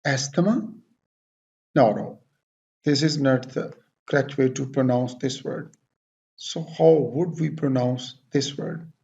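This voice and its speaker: A man teaching English pronunciation, repeating each word several times in a deliberate way and switching between English and Hindi explanations. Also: medium pitch, steady tone, gravelly, a little mellow, lo-fi sound. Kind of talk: pronunciation lesson.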